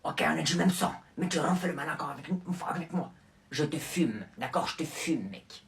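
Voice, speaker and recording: A man playing a boy who acts as a mafia little brother, muttering low threats in a comedy sketch. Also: lively intonation, fairly quick, creaky, a bit bright. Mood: threatening. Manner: low, muttered threats mixed with Spanish words.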